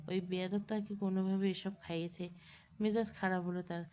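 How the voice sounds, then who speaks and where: A woman narrating a romance audio story, reading every character in the same even voice. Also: medium pitch. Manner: reads all characters in one even voice.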